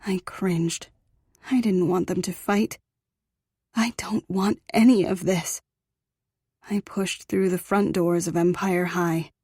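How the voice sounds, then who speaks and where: A woman's voice: lowish voice, steady tone, takes it slowly, pauses often, dark tone, breathy edge, dry recording, clean studio sound. A woman narrating a first-person romance audiobook in an intimate, emotional reading.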